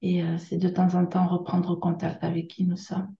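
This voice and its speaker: A woman from France with a southern French accent, speaking gently and haltingly as a guest on a video-call interview, with many pauses and fillers. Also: on the low side, completely flat delivery, gravelly, roomy sound, lo-fi sound. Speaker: guest workshop leader. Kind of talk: hesitant conversational interview.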